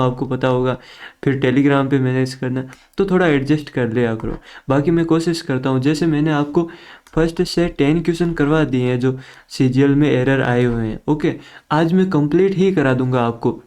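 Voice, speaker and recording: A man's voice: medium pitch, darkish tone, smooth. A young man teaching an exam-prep lesson in a casual, chatty way, mixing English words into his talk.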